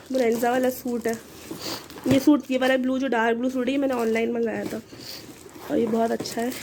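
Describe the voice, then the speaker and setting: A young woman, hoarse and short of breath from a cold, chatting in a casual vlog as she shows things one by one. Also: high-pitched, mellow, slight background noise. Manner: chatty, explaining items one by one. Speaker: vlogger. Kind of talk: casual show-and-tell vlog.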